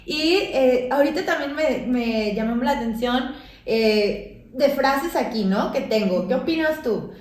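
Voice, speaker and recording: A woman's voice: high-pitched, expressive, unhurried, darkish tone. A woman hosting a casual interview, chatty and agreeable, asking her guest follow-up questions. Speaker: podcast host. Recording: roomy echo.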